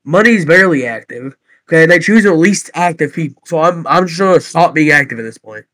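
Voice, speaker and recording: Fed-up man with a bright voice. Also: fairly high pitch, expressive, fairly quick, dry recording, low-quality recording. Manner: complaining, fed up. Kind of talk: casual voice chat.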